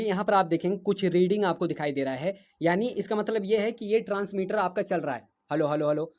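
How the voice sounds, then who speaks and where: A man's voice: high voice, darkish tone. A man giving a casual step-by-step tech tutorial, checking in often with his viewers as he explains settings. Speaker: tech reviewer. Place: indoors, in front of a running fan. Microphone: wireless lapel mic.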